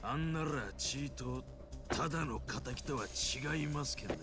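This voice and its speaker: A man's voice: medium pitch, a little fast, natural voice. A male actor playing a stern yakuza underling in a video game cutscene, with a Hiroshima accent. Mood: stern warning. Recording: distant voice under very loud music. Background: very loud game music.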